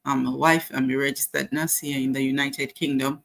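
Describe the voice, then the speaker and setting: With a bass voice that barely moves in pitch, she talks at a moderate pace, showing vocal fry and a little brightness. The speaker, a Nigerian nurse in her forties, shares her story casually, offering faith-driven encouragement amid many fillers.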